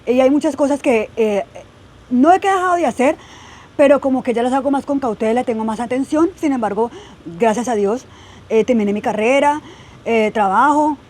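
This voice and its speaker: A woman's voice: sits high, normal speed, a little mellow. A young woman telling her personal story in a podcast interview, earnest and full of "eh" and "pues" fillers. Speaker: guest sharing her testimony.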